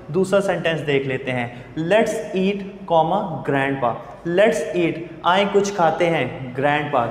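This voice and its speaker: A man teaching an online English grammar lesson, explaining in Urdu mixed with English. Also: fairly high pitch. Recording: echoey room with long reverb, faint hiss.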